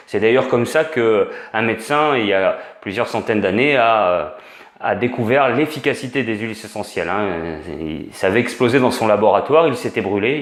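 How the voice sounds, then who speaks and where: A man's voice: fairly low pitch, echoey room. A man giving an informal spoken lesson as an instructor, hesitant, with many fillers and restarts. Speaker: essential oils instructor.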